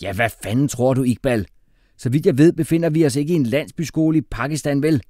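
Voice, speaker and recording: A man voicing an exasperated male schoolteacher who shouts and gets flustered. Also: medium pitch, no room sound, studio quality, pitched above the performer's own voice, natural voice.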